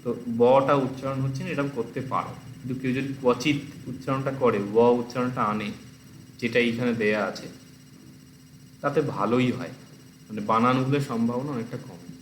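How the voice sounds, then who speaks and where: A man with a Bengali accent teaches a pronunciation lesson at a middle pitch. He reads word lists slowly and carefully, one word at a time. The recording has a roomy echo and a faint hiss of background noise. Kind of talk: exam-prep lesson, reading word lists aloud.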